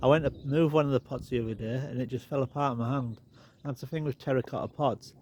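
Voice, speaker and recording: A man's voice: mid-range voice, fast talker, a little hiss or hum. Stuffed-up man rambling in a garden. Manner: chatty, rambling, relaxed asides. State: nasal, stuffed up. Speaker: garden vlogger. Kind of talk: casual walk-and-talk. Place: outdoor garden.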